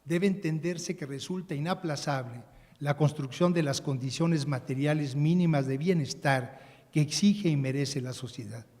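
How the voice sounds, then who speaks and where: A man giving a measured, formal prepared speech as a panelist, with occasional restarts. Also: fairly high pitch, darkish tone. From Mexico. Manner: measured, reading a prepared text, some restarts. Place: large conference hall. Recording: conference hall with long reverb.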